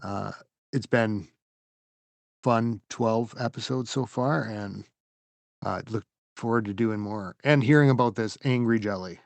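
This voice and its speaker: A man co-hosting a gaming podcast, chatting casually and trailing off as he rambles through shout-outs. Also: on the low side, measured pace, vocal fry, dry recording. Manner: relaxed, rambling, trails off softly. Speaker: podcast co-host. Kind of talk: casual chat.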